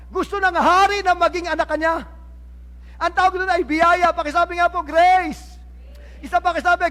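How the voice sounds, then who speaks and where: A male pastor with a Filipino accent preaches a sermon in a church hall that rings with a long reverb. His voice sits very high for a man. He mixes English into his talk and keeps checking in with the congregation, asking "no?" and calling them his beloved. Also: bright, forceful tone. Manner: mixes English phrases, often says "no?" and "mga minamahal ko".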